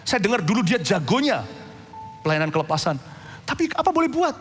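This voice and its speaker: A male pastor preaching a sermon, telling stories in a lively, animated way and acting out voices. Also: high-pitched, fairly quick. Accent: Indonesian. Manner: animated storytelling preacher, acts out voices and shouts. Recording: long hall reverb with faint music.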